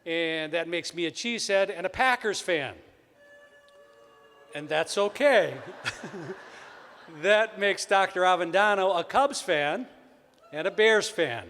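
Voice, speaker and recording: Soft music plays behind this event emcee as he speaks slowly, leaving long pauses, in a fairly bright voice. He is a man from Wisconsin with a Wisconsin accent, hosting a college convocation in a large, reverberant hall with upbeat announcements, jokes and a booming sports-announcer intro.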